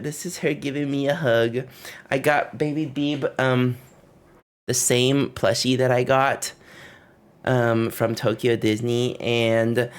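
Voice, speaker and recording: A man livestreaming, casually telling trip stories to his chat, laughing often and breaking off to greet and thank viewers. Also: mid-range voice. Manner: animated, laughing often, rambling with fillers.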